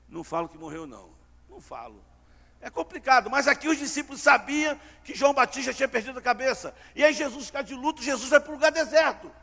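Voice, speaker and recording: Storytelling male preacher, high gravelly voice, quizzes the congregation. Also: fairly bright tone. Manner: storytelling, acts out dialogue, asks the crowd. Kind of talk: sermon. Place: large church hall. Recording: long church hall reverb.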